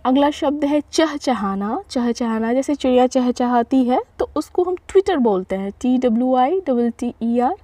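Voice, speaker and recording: A woman giving a vocabulary lesson, repeating each word and spelling it out letter by letter in an unhurried way, with small self-corrections. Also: high voice, animated, warm tone, no room sound. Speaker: vocabulary teacher.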